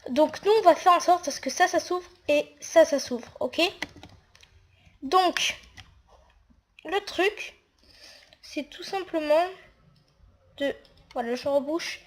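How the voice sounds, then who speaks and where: A woman's voice: high-pitched, slow, long pauses. A woman talking through a casual game tutorial while she builds, hesitant and full of fillers. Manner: hesitant, narrates actions with fillers.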